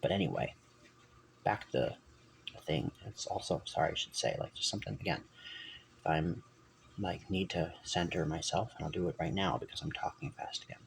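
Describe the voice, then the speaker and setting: A man with a deep, gravelly voice rambles through a personal vlog. He keeps stopping to correct himself and drifts off topic. The camera mic picks up a faint hiss of room noise behind him. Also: moderate pace, low-quality recording. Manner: rambling, self-correcting, digressive. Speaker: vlogger.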